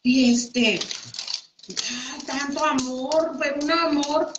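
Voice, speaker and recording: A chatty woman leads a relaxed craft class, talking slowly in a fairly high voice. She is heard in an echoey room over a dull, muffled computer mic. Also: background noise. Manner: chatty, addresses viewers as friends. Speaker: craft teacher. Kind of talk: casual live craft class. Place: home room.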